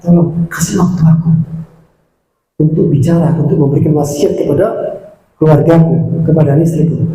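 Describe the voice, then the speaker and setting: A man's voice: a little high, fairly even intonation, fairly quick, pauses often, mellow, lightly acted. A man voicing an arrogant rich male sinner, raised, pushy and boastful, recorded in an echoey prayer hall with faint noise. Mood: pleading.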